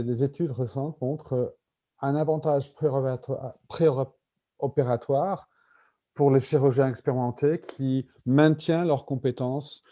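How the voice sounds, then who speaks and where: A man's voice: medium pitch, dark tone, muffled recording. A native English-speaking man with a British accent in French, giving a conference presentation and hesitantly searching for his words. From Britain. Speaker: invited conference speaker, medical simulation executive.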